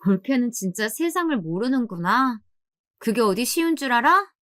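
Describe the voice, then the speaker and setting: A woman voicing a condescending older sister-in-law who mocks and scolds in a raised, sharp voice. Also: on the high side, big pitch swings, moderate pace, no room sound, studio quality, pitched above the performer's own voice. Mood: scornful. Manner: mocking, scolding, looks down on others.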